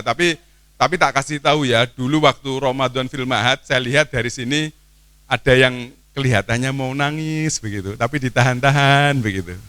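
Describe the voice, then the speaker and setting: Man, bright crisp voice, dry close mic, playful teacher. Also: fairly high pitch, no room sound. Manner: playful, coaxing, asks the crowd questions. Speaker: teacher addressing students. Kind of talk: lively speech to children at an opening event. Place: boarding school hall.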